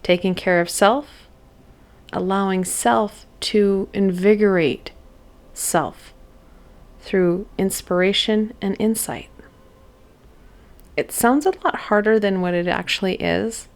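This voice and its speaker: A woman giving a spiritual oracle card reading to her viewers, talking in a gentle, encouraging way with thoughtful pauses. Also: mid-range voice, fairly even intonation.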